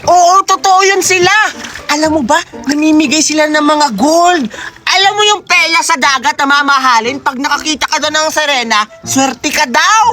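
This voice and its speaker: A woman's voice: high-pitched, moderate pace, bright, forceful tone. A woman voicing a bold, playful little boy who talks eagerly and persuasively. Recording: clear background music.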